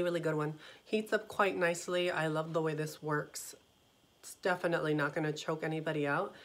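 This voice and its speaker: A woman in her thirties chatting enthusiastically to camera as she reviews fragrances in a small wood-paneled room. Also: on the low side. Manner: chatty and enthusiastic, many "really" and "um". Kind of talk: casual product review to camera.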